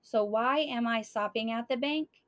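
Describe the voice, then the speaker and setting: A woman voicing a nervous, anxious boy sidekick who talks in a flustered, halting way, reading from a storybook. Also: a little high, fairly bright tone.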